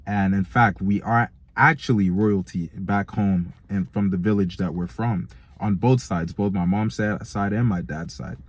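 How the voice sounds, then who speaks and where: Speaking at a measured pace with hardly any pauses, this man has a voice that sits low. He's a nineteen-year-old motivational vlogger with an American accent, born in Nigeria and raised in America since age four, chatting in slang and calling his young male listeners "bro" and "man."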